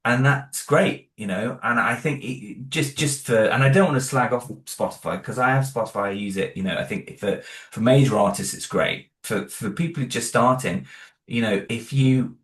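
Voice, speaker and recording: Heard in an echoing room, this British interview guest, who makes independent audio dramas, speaks in a mid-range voice at a moderate pace. He's casual and earnest, a bit hesitant as he works through his thoughts aloud.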